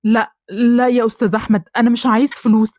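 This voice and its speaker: A woman's voice: fairly high pitch, little pitch movement, fast talker, darkish tone, no echo, close to an everyday voice. A woman with an Egyptian accent voicing a meek older man who pleads that his wife is innocent. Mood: pleading.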